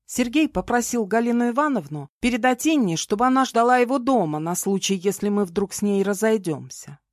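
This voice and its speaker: A woman narrating a first-person audiobook in a measured, even storytelling manner, close to the mic. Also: a little high, dry recording.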